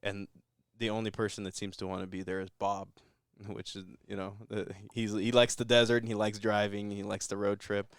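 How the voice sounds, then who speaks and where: A man's voice: on the low side, level tone, a little fast, clean tone, dry recording, clean studio sound. A man co-hosting a podcast, giving a rambling, laid-back recap of a movie in casual chat with chuckles. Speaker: podcast co-host.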